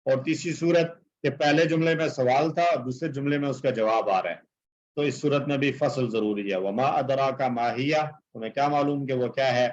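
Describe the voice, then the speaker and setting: A man's voice: medium pitch, a little mellow, muffled recording. A male teacher giving an explanatory lecture, reciting Arabic verses and translating them, with many filler phrases.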